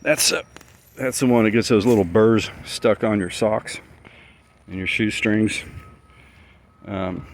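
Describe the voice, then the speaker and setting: Middle-aged male home gardener, slightly low voice, relaxed rambling outdoor walk-and-talk. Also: slow pace, pauses often, a little hiss or hum. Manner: rambling, easygoing, thinks aloud.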